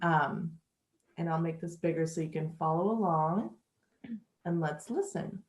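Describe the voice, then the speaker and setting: A woman teaching English in a patient, chatty way during an online lesson. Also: low-pitched. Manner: slow, patient, chatty with light laughs. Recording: echoey room.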